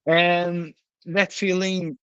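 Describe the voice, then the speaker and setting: A man's voice: high-pitched, flat delivery, drawn-out words, a bit bright, clean tone, no echo, muffled recording. A young man from Brazil, a guest telling his story in casual, earnest talk over a video call. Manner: earnest, frequent "you know".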